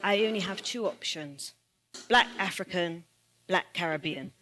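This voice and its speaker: A woman's voice: fairly low pitch, a little slow, sharp tone. A woman, an assistant principal, giving an earnest personal speech and building her points with a repeated rhetorical refrain. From United Kingdom.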